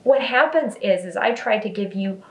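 A woman's voice: mid-range voice, animated, normal speed, roomy sound. A woman explaining hair care ingredients in a chatty, giggly, self-deprecating vlog style.

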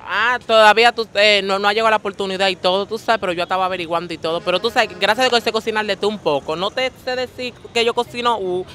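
A woman's voice: mid-range voice, quick pace, hardly any pauses, a bit bright. A woman with a Dominican accent, talking flamboyantly in a casual street interview and calling everyone "mi amor".

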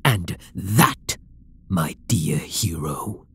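A man voices an obsessive, dominant supervillain taunting a captured hero in this scripted ASMR roleplay, his low-pitched voice breathy, husky and fairly bright. The exaggerated performance comes with a little hiss or hum in the audio. He sounds possessive and menacing, speaking slowly and often slipping into a whisper.

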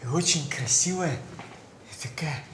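Man voicing a dopey, highish-voiced cartoon street lad. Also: measured pace, roomy sound, slight background noise, close to an everyday voice. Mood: smitten, breezy. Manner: slangy, naive, breezy. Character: dopey, carefree young street lad, lovestruck and naive. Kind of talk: animated comedy dialogue.

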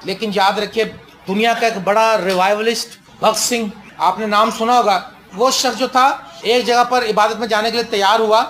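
High-voiced fervent male pastor preaching. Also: steady tone, a bit bright. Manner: fervent preaching that mixes stern warnings with joking stories. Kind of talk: sermon.

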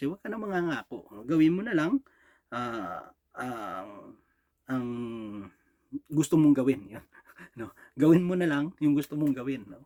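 A man's voice: medium pitch, a little mellow, no echo, studio quality. A Filipino man preaching a sermon in a mix of languages, often asking "di ba?" and "no?" and chuckling between points. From Philippines. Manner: rhetorical "di ba?" and "no?" checks with the congregation, frequent chuckles. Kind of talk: Taglish sermon.

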